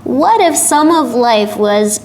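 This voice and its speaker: A woman yoga teacher giving calm, gentle guided instruction for a short flow, with soft breathy asides. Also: on the high side, slow, a little hiss or hum.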